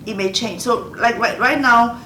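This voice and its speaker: With a fairly high, bright, forceful voice at normal speed, a Nigerian host in her fifties gives earnest advice during a motivational Q&A talk, repeating key phrases. The mic is set well back in a roomy space, picking up faint noise.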